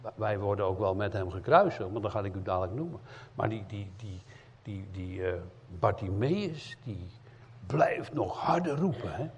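A man preaching a sermon in as an evangelist, emphatic, swinging between loud cries and quiet earnest asides. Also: lowish voice, lively intonation, normal speed, slightly rough. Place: church hall. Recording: dull lo-fi sound in a reverberant church hall.

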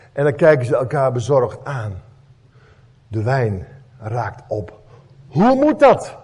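A man's voice: fairly high pitch, a little mellow. A man preaching a sermon as pastor, retelling a story with dramatic rhetorical questions.

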